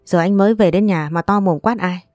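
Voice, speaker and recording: A woman's voice: mid-range voice, brisk, darkish tone, no echo, clean studio sound, soft background music, natural voice. A woman doing a firm, protective aunt. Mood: scolding. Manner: scolding, firm. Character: sharp-tongued middle-aged aunt, protective.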